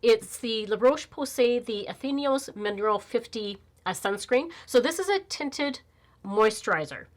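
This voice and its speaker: Talking at a normal speed in an expressive, higher-pitched voice, this beauty vlogger in her fifties sounds a little nasal because of a cold. She rambles casually to the camera with fillers and restarts, filmed in a small room against a plain backdrop.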